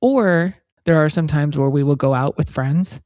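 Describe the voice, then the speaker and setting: Recorded in Texas, a woman co-hosting a podcast chats casually and explains things through examples. Her low, slightly mellow voice moves at normal speed, captured in clean studio sound with no room sound.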